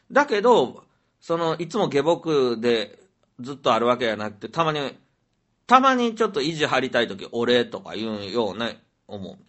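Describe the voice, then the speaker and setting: A man's voice: mid-range voice, a bit bright. A man with a Kansai accent chatting casually as a podcast host, musing aloud and rambling with many fillers. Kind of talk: casual chat.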